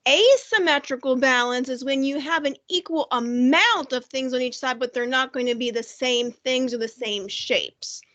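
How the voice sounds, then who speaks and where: Upbeat woman art teacher, high bright voice, asks students questions, online class. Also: moderate pace, few pauses, dull audio. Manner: upbeat, talks directly to young students with questions. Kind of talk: recorded online art lesson. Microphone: computer mic, screen-shared lesson.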